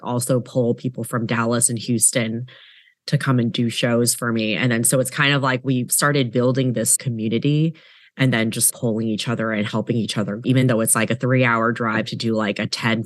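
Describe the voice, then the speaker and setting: A woman's voice: extremely low pitch, no echo, clean studio sound. A woman from the US West Coast, a comedian chatting as a podcast guest in an upbeat, rambling way with frequent "like"s and light laughs. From United States, born in Los Angeles, raised in Seattle. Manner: chatty and upbeat, laughs often, many "like"s and run-on sentences. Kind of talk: casual interview chat.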